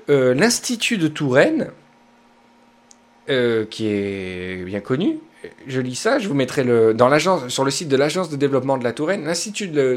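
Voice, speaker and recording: A man in his thirties with a Southern French accent hosts a casual podcast. His delivery is rambling and anecdotal, with many digressions. His voice sits at an ordinary middle pitch. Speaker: podcast host. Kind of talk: casual podcast chat presenting music.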